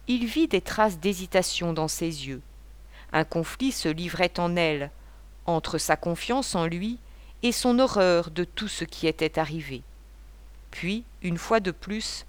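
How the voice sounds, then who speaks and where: A woman narrating a novel as an audiobook, in a measured literary reading. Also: fairly low pitch, no echo. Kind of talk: scripted narration.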